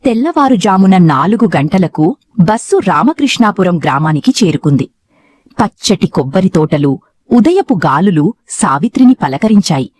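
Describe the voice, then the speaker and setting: A woman storyteller narrating a dramatic family tale with emotive, expressive delivery. Her voice sits a little low and is husky, and her pitch moves a lot. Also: moderate pace.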